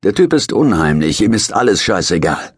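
A man voicing a blunt, sardonic male prison nurse who talks in a brisk, scolding way. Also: fairly low pitch, big pitch swings, husky, dry recording, clean studio sound, pitched above the performer's own voice.

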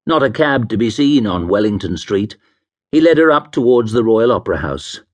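A man narrating an audiobook thriller in a measured, expressive reading. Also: lowish voice. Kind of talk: scripted narration.

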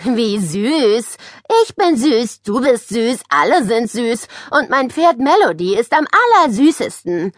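A woman's voice: a little high, very animated, a little slow, no echo, studio quality. A woman reading an audiobook voices teasing schoolboys who mock in a singsong way. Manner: mocking, singsong. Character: two teasing young schoolboys.

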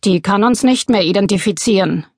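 A woman's voice: mid-range voice, brisk, darkish tone, no room sound, studio quality, close to an everyday voice. A woman voicing a cold, callous male burglar leader who gives curt, contemptuous orders.

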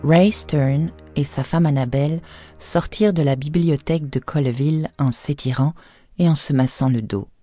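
A woman narrating an audiobook in a measured, even storytelling manner, recorded close on a studio microphone. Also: deep voice, soft background music.

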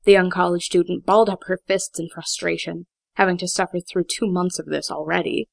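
A woman reading an audiobook aloud in a steady, measured way, with a heavy vocal fry. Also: on the low side, dry recording. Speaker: audiobook narrator. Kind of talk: scripted audiobook narration.

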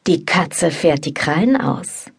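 A laid-back young man, as a woman puts him on in an audiobook, easygoing and a little bossy. The voice sits low and has a gravelly, husky edge. It is read out calmly in storybook fashion. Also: takes it slowly, full character voice. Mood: relaxed. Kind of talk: audiobook dialogue.

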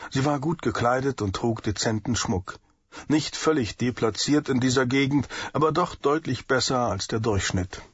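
A man narrating an audiobook thriller in a steady, measured way, in a dull lo-fi recording. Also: medium pitch, husky, no echo. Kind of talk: scripted narration.

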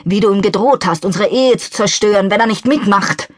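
A woman's voice: on the high side, normal speed, no echo, pitched above the performer's own voice, natural voice. A woman voicing a furious, scornful middle-aged society wife in an audiobook. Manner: shrieking, scornful. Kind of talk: audiobook character voice.

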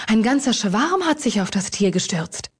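A woman's voice: big pitch swings, normal speed, husky. A woman voicing a sobbing, frightened manor lady. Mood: anguished. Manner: sobbing, pleading, high-strung.

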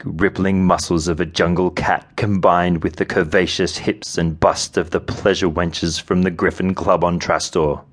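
Deep-voiced male audiobook narrator. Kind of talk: scripted narration.

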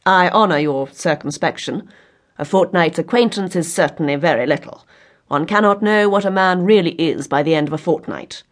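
A woman voicing a middle-aged gentleman and father in an audiobook, measured, teasing and mock-solemn, with dry irony. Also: fairly low pitch, close to an everyday voice. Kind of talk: audiobook character acting.

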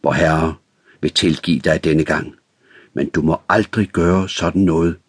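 A man's voice: rumbling low, steady tone, slightly rough, dry recording. Man reading as a firm, soothing young woman. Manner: soothing yet decisive. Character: firm, brisk young woman calming a friend. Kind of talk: audiobook reading.

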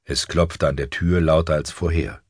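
A man narrating a fantasy audiobook in a measured, even storytelling manner. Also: rumbling low, slightly rough, no room sound, clean studio sound. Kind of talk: scripted narration. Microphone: studio microphone.

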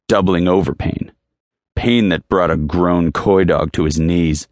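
A man's voice: low-pitched, dry recording, clean studio sound. A man narrating an audiobook in the first person, brooding and intense, leaning hard on repeated phrases. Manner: brooding and intense, with emphatic repetitions.

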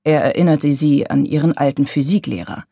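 Low-voiced woman narrating an audiobook. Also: a little fast, vocal fry, dark tone, no echo, studio quality.

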